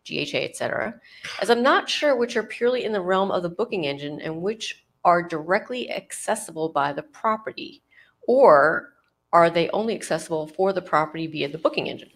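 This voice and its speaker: A woman co-hosting a podcast, reading out a listener's email question in a steady way. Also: fairly low pitch, a little fast. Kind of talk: casual podcast chat.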